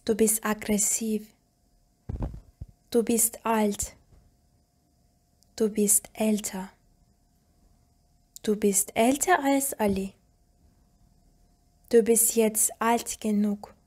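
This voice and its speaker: A woman reading short example sentences one by one for a language lesson, slowly and deliberately with pauses. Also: medium pitch, mellow, husky. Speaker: language teacher.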